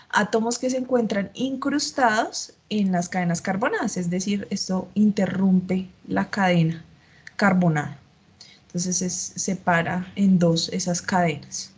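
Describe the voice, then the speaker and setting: Despite a sore throat and slight cough, this chemistry tutor patiently explains material in her online class, filling gaps with frequent filler sounds. She has a husky, medium-pitched voice heard through a computer mic on a video call.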